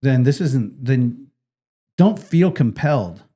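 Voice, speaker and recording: A middle-aged man co-hosts a podcast, his mid-range voice moving at a slow pace. In casual chat he tells animated stories and acts out what people said.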